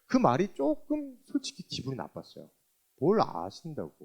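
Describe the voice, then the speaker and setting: A man's voice: fairly high pitch, moderate pace, vocal fry. A man, a church deacon, giving a testimony and acting out remembered exchanges as he tells his story. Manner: animated, acts out remembered exchanges.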